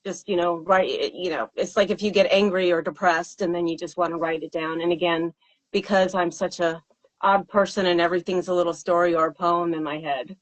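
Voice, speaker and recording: A woman singer-songwriter with a fairly deep voice pauses over interview answers, hesitating, laughing, and dropping fillers as she thinks. She keeps a steady tone and speaks fairly quickly, but the audio quality is poor.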